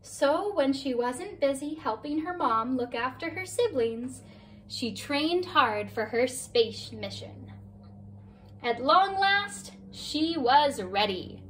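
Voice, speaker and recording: Lady reading a bedtime story slow n expressive, high swoopy voice, bit far from mic. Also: a little hiss or hum. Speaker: storybook reader. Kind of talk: bedtime picture-book reading.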